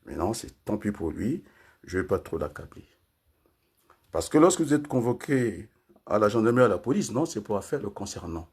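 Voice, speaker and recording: Fairly low in pitch with a sing-song lilt, a darkish tone and a breathy edge, an older man from Congo talks politics at a moderate pace. As a commentator he rambles, using fillers and repeatedly tagging his points with questions to listeners.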